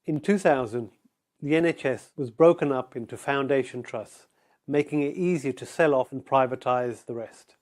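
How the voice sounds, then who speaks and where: A man giving a measured, factual documentary narration. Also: mid-range voice, darkish tone.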